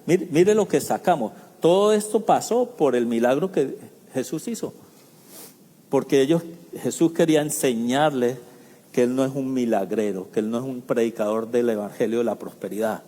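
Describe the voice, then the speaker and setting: A man preaches a sermon in a warm, mellow voice of middle pitch, talking to the congregation with rhetorical questions and small jokes. His voice rings with a long reverb through the church sanctuary. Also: normal speed. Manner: jokey asides and chuckles. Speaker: pastor.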